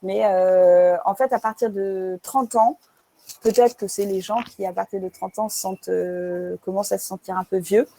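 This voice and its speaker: Young French-accented woman presenter, creaky voice, halting delivery full of restarts. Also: mid-range voice, fairly even intonation, dark tone. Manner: hesitant, many fillers and restarts. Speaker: UX writer presenting. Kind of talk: casual presentation to an audience.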